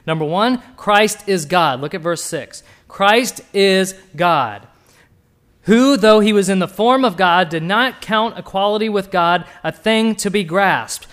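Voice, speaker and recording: High-voiced man preaching a sermon. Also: moderate pace, hardly any pauses. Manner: swings between hushed and emphatic; asks the listeners direct questions.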